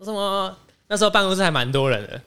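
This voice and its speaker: A young man, telling a workplace story in casual podcast chat with animated restarts. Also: high-pitched, fast talker, clear, resonant tone. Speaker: podcast co-host.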